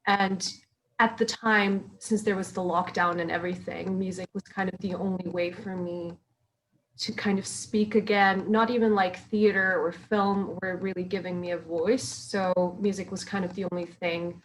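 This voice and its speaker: A woman's voice: fairly low pitch, steady tone, normal speed, slight background noise, rough recording. A young woman who grew up in Serbia and China, answering interview questions in a chatty, hesitant way with lots of fillers. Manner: chatty and hesitant, many fillers, laughs often. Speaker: musician guest.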